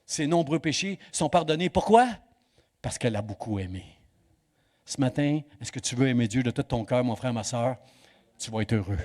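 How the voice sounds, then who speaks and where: A male pastor preaching a sermon in church, swinging between loud exhortation and hushed emphasis. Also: medium pitch, lively intonation, normal speed.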